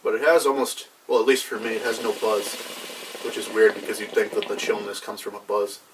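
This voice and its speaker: Halting young man, slightly low voice. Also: little pitch movement. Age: young adult. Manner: halting, filler-heavy, searching for words. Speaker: reviewer. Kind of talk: casual unscripted review chat. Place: small cluttered indoor room with brick wall. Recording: distant mic, background noise.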